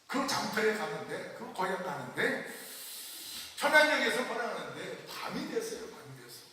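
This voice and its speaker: A man preaching a sermon as pastor, telling a story in an animated way and repeating key phrases for emphasis. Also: high-pitched, normal speed. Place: church sanctuary. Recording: echoey church hall, mic at a distance.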